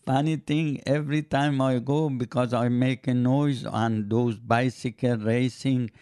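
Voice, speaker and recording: An older man, not a native English speaker, chatting on a podcast in halting, broken English with many fillers. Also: medium pitch, fairly even intonation, warm tone, clean tone, no room sound, studio quality. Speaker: podcast guest, host's father. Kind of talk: casual chat.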